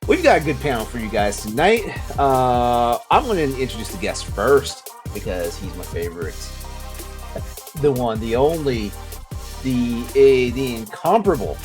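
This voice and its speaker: Lively, animated male podcast host. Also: medium pitch, measured pace, faint music behind. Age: 40s. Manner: animated, repeats words and restarts often. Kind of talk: casual podcast chat.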